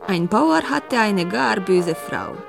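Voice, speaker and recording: A woman reads a fairy tale aloud in a slow, unhurried way. Her voice has a gravelly, creaky texture, and her pitch sits in the middle range. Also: expressive, over music. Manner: measured, unhurried narration. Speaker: storyteller.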